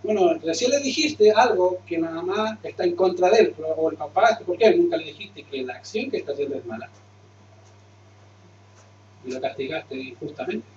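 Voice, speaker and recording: Conversational pastor, echoey room. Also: male voice, high-pitched, lively intonation, moderate pace, a little mellow, a little hiss or hum. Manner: conversational, asks and answers his own questions. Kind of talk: sermon with closing prayer. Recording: roomy, distant, muffled sound.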